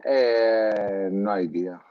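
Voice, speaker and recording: A man's voice: on the low side, crowd noise. Man on a breaking-up video call. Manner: hesitant, halting. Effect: video call audio breaking up. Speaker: livestream guest. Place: parents' house. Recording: dull, dry, breaking-up call audio.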